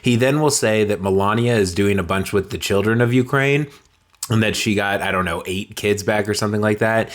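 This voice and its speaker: Low-voiced man, sarcastic political recap. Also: fairly quick. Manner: sarcastic, blunt recap with swearing. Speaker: political commentator. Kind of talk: casual commentary video.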